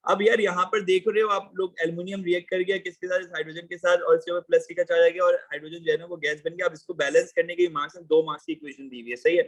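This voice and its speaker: Male teacher with a fairly high voice, running a casual online chemistry class and mixing Hindi with English. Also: fairly even intonation, rapid-fire, few pauses, rough recording. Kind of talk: live online class, explaining exam questions.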